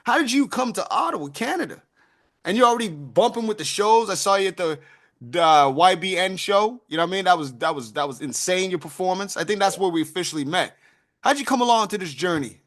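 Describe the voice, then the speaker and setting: High-pitched, hype radio host man. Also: animated, a little fast, fairly bright tone. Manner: hype, chatty, keeps tagging "right?" and "you know what I mean?". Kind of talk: casual radio interview.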